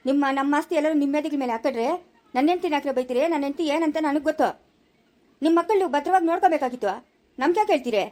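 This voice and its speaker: A woman playing an angry middle-aged village father who loudly defends his wife, in a rural Chikkaballapura Kannada accent. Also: sits high, racing, natural voice. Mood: indignant. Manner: scolding, loud and indignant. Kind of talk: amateur family drama acting.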